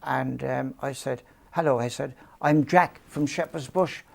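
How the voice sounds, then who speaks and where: A man in his seventies from Cork, Ireland, speaks in a mid-range, unhurried voice with vocal fry, his Cork accent softened by years in London. As an interview guest, he tells rambling, self-deprecating stories from his youth, full of ums and restarts.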